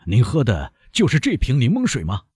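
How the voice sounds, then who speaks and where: A man voicing a doctor who fires off quick, pressing questions and orders in an audiobook reading. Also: mid-range voice, huge pitch swings, darkish tone, husky, no room sound, studio quality, voice pushed up, heavily acted. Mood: urgent. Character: urgent male doctor, probing, commanding.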